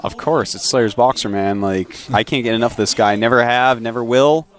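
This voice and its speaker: A man with a New Hampshire accent provides live color commentary on an esports match from a packed event studio, chatty and enthusiastic as he breaks down the players. His voice is medium-pitched at a moderate pace.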